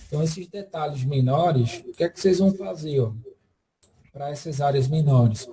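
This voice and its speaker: A man giving a screen-recorded software lesson, explaining step by step and checking in often with his viewers. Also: a little high, moderate pace, poor audio. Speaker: software instructor.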